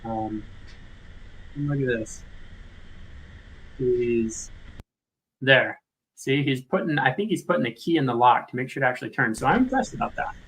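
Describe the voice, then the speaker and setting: A man with a bright, forward voice talks through footage as he reviews it. He thinks aloud in a casual, informal live-commentary style, with faint noise behind him. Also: mid-range voice, a little slow, long pauses, poor audio. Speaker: video host reviewing footage. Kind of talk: casual live commentary over video clips.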